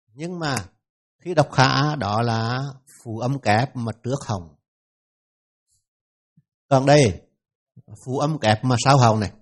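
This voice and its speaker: A man with a mid-range voice and a Vietnamese accent teaches pronunciation in a classroom lesson. He repeats each sound slowly for his students.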